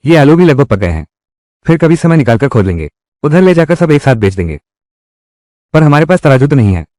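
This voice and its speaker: Male dub actor, animated intonation, dry close studio sound. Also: fairly high pitch, brisk, no room sound. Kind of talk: Hindi drama dub.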